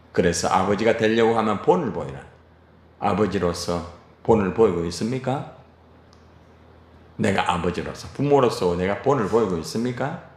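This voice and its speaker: A man preaching a sermon as pastor, swinging between soft asides and raised exclamations. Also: fairly low pitch. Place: church sanctuary. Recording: echoey church hall.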